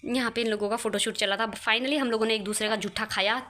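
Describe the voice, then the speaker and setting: A woman's voice: fairly high pitch, steady tone, quick pace, a bit bright. A young woman chatting casually as she shows her wedding photos, laughing often and near tears at times. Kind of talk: casual chat.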